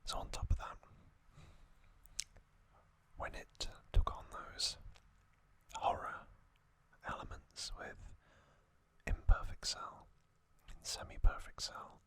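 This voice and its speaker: Here an adult ASMR host speaks in a gentle, measured whisper, stopping frequently between short phrases with a reflective manner.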